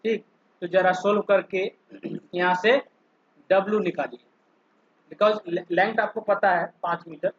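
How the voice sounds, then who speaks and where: High-voiced male lecturer, slow and patient. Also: fairly even intonation, lo-fi sound, a little hiss or hum. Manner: slow, stepwise, keeps asking students questions. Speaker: polytechnic lecturer. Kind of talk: online class lecture.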